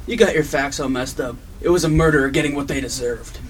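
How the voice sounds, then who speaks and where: In an amateur old-time radio drama, a man plays a hot-tempered, vengeful police detective, speaking fast at medium pitch in a voice close to an everyday one. His mood is guarded and businesslike, his manner confrontational and accusing. The recording is noisy.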